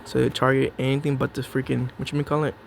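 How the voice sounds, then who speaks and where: Excitable young man narrating his gameplay. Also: mid-range voice, quick pace, creaky, slight background noise. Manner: excitable, jokey, talks to himself and the opponent. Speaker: gameplay commentator. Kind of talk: live gameplay commentary.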